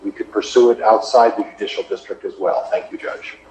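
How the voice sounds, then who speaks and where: A man's voice: lowish voice, steady tone, a little fast, a little mellow, dull audio. A man with an American accent, a defense attorney formally addressing a judge and carefully clarifying his position. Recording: echoey courtroom, faint noise.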